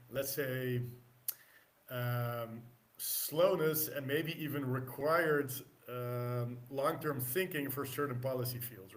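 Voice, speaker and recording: A man hosting a casual live discussion, asking thoughtful questions with frequent hesitant pauses. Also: mid-range voice.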